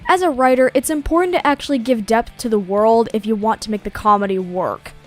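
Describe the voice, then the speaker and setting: A woman's voice: on the high side, brisk, soft background music. A woman delivering a scripted review rant in a blunt, scornful tone. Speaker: co-reviewer in a played clip.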